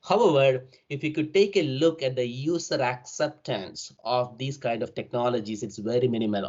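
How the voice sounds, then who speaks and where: Speaking in a mid-range, somewhat dark voice, a middle-aged university faculty member with a South Indian accent delivers an academic presentation remotely. He keeps ending his lines with tags such as "right?", and the online call audio is dull and narrow in bandwidth.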